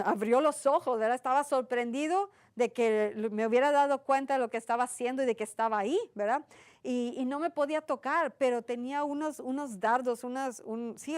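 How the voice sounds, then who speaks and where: Woman preacher, somewhat high voice, earnest and chatty, leans on repetition and tag questions. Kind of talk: conversational sermon.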